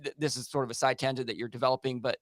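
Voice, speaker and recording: Man, podcast host, eager rambling chatter, mid-pitched, dry close sound. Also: steady tone, very fast, dry recording. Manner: enthusiastic, rambling. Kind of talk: casual podcast chat.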